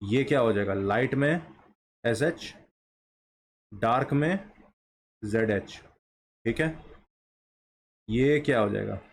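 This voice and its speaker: A man teaching a shorthand lesson, drawing as he goes and asking questions that he then answers himself. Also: mid-range voice. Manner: slow, asks himself questions and answers them. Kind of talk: explaining a lesson while drawing.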